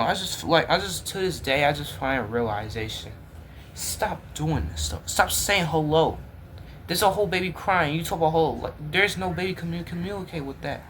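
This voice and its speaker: Male reaction host, exasperated and repetitive, slightly high voice. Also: fairly bright tone, a little hiss or hum. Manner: exasperated, repetitive, talks straight to viewers. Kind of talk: casual reaction commentary.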